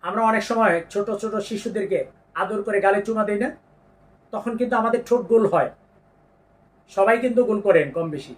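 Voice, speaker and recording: A man teaching Quran pronunciation, patiently explaining each letter and drawing out the sounds slowly. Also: sits high, far from the mic. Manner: slow drawn-out demonstrations of letter sounds, patient instructions. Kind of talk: step-by-step pronunciation lesson.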